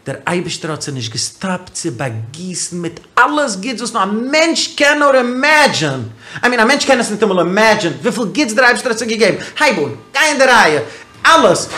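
A man talking as a podcast guest, telling a story in a casual, animated way and asking a lot of rhetorical questions. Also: high-pitched. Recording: roomy echo.

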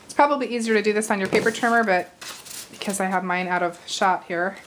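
A chatty woman in her thirties walks through a paper craft at her table, her voice slightly hoarse as if she is losing it. Her pitch sits mid-range for a woman. A faint hiss and small clicks of paper and tools sit under her voice. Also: fast talker. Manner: chatty, apologetic asides, talks while working. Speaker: crafting tutorial host. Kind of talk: casual crafting tutorial. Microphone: camera at arm's length over the craft table.

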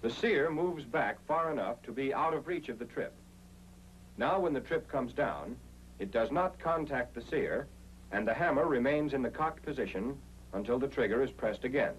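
Expressive and moderately paced, a mid-range American male voice guides viewers through a military training film in methodical steps. The style recalls the 1940s, including a noisy, humming soundtrack.

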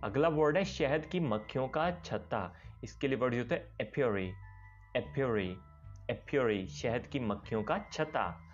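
Man teaching English words, repeating slowly. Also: mid-range voice, lively intonation, dull audio, faint music behind. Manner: repeats each word slowly, checks with "right?". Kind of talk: vocabulary lesson.

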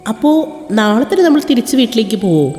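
Woman playing a shy young wife, high scolding voice, reverberant, faint music, storybook drama. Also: big pitch swings, fast talker, a little mellow. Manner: scolding, bashful, pitched up.

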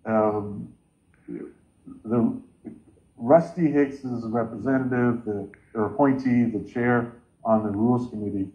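Brief: man in his 40s, chairing a video call, medium pitch, dull lo-fi laptop sound. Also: steady tone, slow. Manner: earnest, gesturing with both hands. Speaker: caucus meeting chair. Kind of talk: online meeting remarks. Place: home room with bookshelves.

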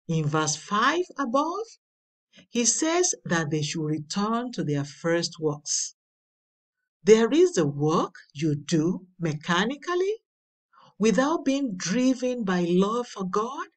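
A woman reads a daily devotional and its scripture at an unhurried pace. Her voice swings widely in pitch and swells for emphasis. She sits a little back from the microphone. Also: recorded from a distance. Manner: slow, deliberate reading with emphatic swells. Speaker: devotional reader. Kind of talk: slow read devotional with scripture.

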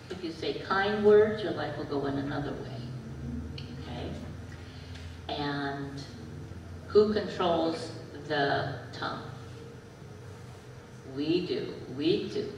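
Low-voiced woman pastor in an echoey church. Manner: gentle, asks children questions. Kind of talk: children's message in church. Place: large church sanctuary. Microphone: far camera. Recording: echoey church from far off, background noise.

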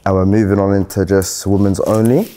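A man's voice: low voice, little pitch movement, a little fast, dark tone. A man in his thirties with a South London accent, telling his story in a laid-back, jokey way with slang during a casual podcast interview. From South London, England. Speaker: fitness coach and brand co-founder. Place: bright studio lounge set.

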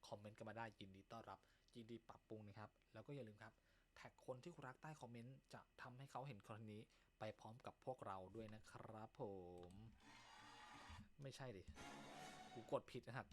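A man's voice: medium pitch, pushed and bright. A male comedy host telling jokes in casual chat, teasing banter full of crude slang.

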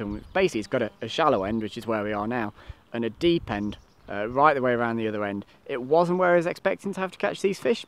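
A young man vlogging outdoors beside a lake, talking frankly and self-critically with frequent restarts. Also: medium pitch. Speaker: fishing vlogger. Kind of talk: casual outdoor vlog talk.

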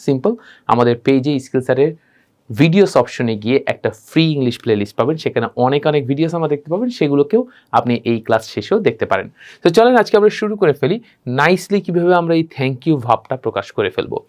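A man teaching a spoken English class, switching between Bengali and English and modeling phrases with expressive repetition. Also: mid-range voice. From Bangladesh.

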